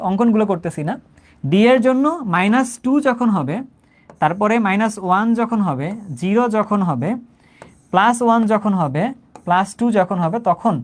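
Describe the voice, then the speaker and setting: Fast-talking young Bangladeshi chemistry teacher. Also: male voice, high voice. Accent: Bangladeshi Bengali. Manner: conversational, keeps checking if students understood; says he talks slowly, repeats himself. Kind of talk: live online class.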